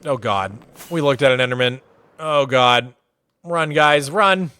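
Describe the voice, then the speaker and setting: Here a man with a medium-pitched, clear, resonant voice talks a little slowly, with no echo in the recording. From Massachusetts, USA, he streams casually while touring a game world, relaxed and rambling, saying "like" a lot.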